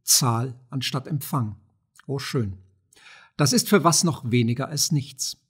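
A man's voice: mid-range voice, measured pace, slightly rough. A man reading an audiobook of a play, voicing a stubborn, grumbling dervish treasurer.

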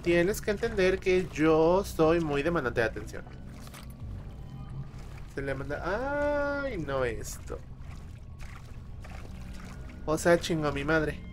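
A man's voice: on the high side, very animated, slow pace, long pauses, faint music behind. A man with a Mexican Spanish accent chatting on a live stream, teasing and dramatic with his viewers. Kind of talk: casual live-stream chat.

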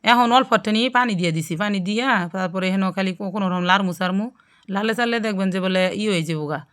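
A woman's voice: medium pitch, rapid-fire, a bit bright, smooth. A woman with a Gazipur regional Bengali accent hosting a cooking vlog, chatting straight to her viewers and often checking that they follow. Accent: Gazipur regional Bangladeshi Bengali. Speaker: cooking channel host. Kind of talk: casual cooking vlog narration.

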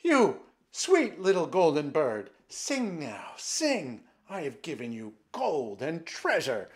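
A man playing a frightened, dying old emperor who cries out high and loud in panic. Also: wildly swooping pitch, slow, full character voice. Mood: desperate. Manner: shouting in panic.

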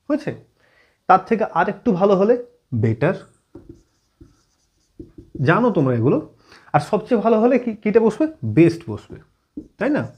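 A man teaching an English grammar lesson at a whiteboard, often checking in with his students and slowing down as he writes. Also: fairly high pitch, darkish tone, husky, dull audio. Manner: frequent check-in questions to students; writes on board while explaining, slowing down.

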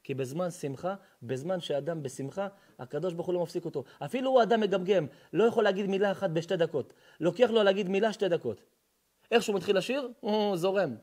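A rabbi preaching with fervor, his voice sitting a little high for a man. He drops to near-whispers, then rises to loud, drawn-out chanting of verses. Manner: impassioned, swings from hushed to loud, chants verses. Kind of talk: sermon.

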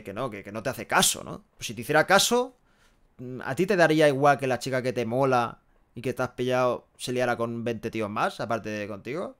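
A young man from Barcelona chats casually into a headset microphone in a small room, reading viewers' messages aloud and answering them bluntly. His voice is smooth and resonant at a middle pitch, and he keeps adding quick tag questions as he talks. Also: a bit bright. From Barcelona, Spain. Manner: chatty, frank, tags sentences with "¿eh?" and "¿no?". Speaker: live streamer reading chat. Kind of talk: casual live-stream chat. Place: small room with a pale green wall, indoors.

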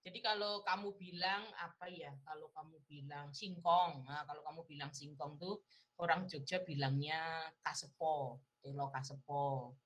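Laughing often and teasing her students, a Javanese-accented university lecturer chats playfully with them over a video call in an online class. Her voice is low and steady, at a moderate pace.

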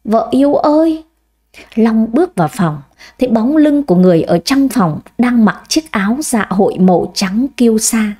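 A woman reading a first-person story aloud in a measured, expressive way. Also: on the high side. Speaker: audiobook narrator.

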